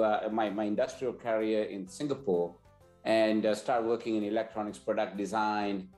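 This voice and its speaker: A man's voice: on the low side, darkish tone, echoey room. A man in his forties from Sri Lanka, an earnest business leader interviewed over a video call, often repeating words as he restarts. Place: indoor office, plain wall. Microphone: video call webcam.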